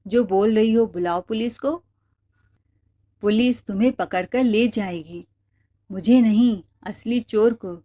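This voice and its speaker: A woman's voice: mid-range voice, measured pace, warm tone, natural voice. Young husband, stern and questioning, voiced by a woman narrator.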